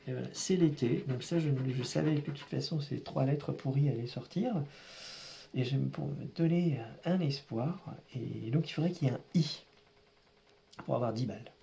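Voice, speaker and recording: A man's voice: medium pitch, normal speed, vocal fry, mellow, slight background noise. A man giving casual running commentary while scratching lottery tickets, grumbling and exasperated, muttering to himself.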